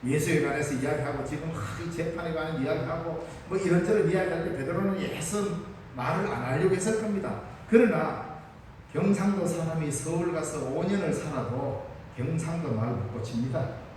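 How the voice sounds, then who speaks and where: A man's voice: a little high, normal speed, a little mellow, slight background noise. A male pastor with a Gyeongsang accent, preaching a Sunday sermon and telling the story vividly, acting out the dialogue. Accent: Gyeongsang Korean. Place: church sanctuary. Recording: echoey church hall from far off.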